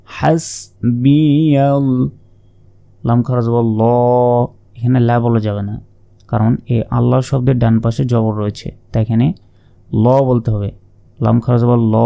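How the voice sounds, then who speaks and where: A man teaching Quran reading, spelling out letters and vowel marks one by one, then chanting each word in a long, drawn-out melody. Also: mid-range voice, vocal fry, dark tone. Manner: slow measured spelling with drawn-out melodic recitation. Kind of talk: spelling out and reciting Arabic verses.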